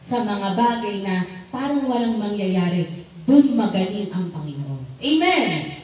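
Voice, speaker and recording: A woman's voice: mid-range voice, lively intonation, a little slow. A young woman gives a church testimony and preaches, calling out amen to the congregation in a church hall. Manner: preacherly call-and-response with frequent amen shouts. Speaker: church speaker giving testimony. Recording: echoey hall from far off.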